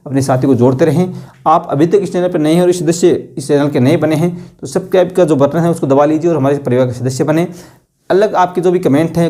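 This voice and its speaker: A man's voice: a little high, mellow. A man teaching a Hindi grammar lesson online, explaining with rhetorical questions and repeating stressed example sentences.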